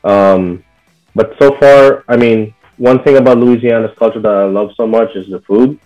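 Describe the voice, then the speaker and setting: With a lowish voice at normal speed, a young man from Bahrain answers interview questions casually, leaning on "like" and "you know." Soft background music sits beneath lo-fi sound.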